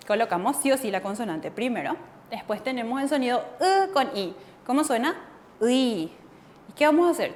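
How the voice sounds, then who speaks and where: A woman with a high voice gives a patient classroom lesson. She keeps asking the class questions and answering them herself while she drills each sound. Her voice carries a long echo, as if recorded in a large reverberant room. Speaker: Korean language teacher.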